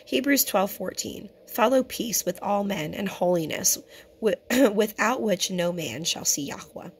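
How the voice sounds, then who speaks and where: A hoarse woman who keeps clearing her throat, giving an earnest, conversational scripture teaching to her viewers. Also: medium pitch, animated, measured pace, a little hiss or hum. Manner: earnest and conversational, addresses viewers as brothers and sisters. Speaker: teacher of a Torah fellowship. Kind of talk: home-made teaching video.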